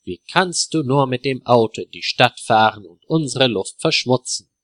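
A man's voice: mid-range voice, animated, normal speed, a bit bright, no room sound, clean studio sound, natural voice. A man voicing an indignant older father. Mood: angry. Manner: indignant, lecturing. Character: older father scolding his grown son.

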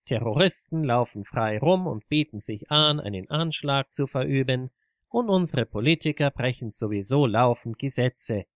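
A man's voice: medium pitch, animated, moderate pace, no echo, studio quality, close to an everyday voice. A man reading a sarcastic, worked-up Reinhard. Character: angry right-wing man at a pub table, sarcastic.

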